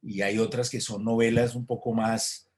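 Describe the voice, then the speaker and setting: A man's voice: medium pitch, flat delivery, normal speed, slight background noise. A man, an author answering interview questions in a reflective way, with hesitations and restarts, over a video call. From Colombia. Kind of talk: thoughtful conversational answer.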